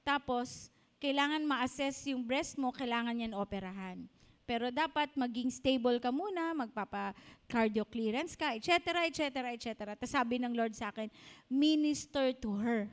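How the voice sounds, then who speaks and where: High-voiced woman pastor telling a story. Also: normal speed, clean tone. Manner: conversational, addresses the congregation directly; mixes in English phrases. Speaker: pastor and doctor. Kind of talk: storytelling sermon.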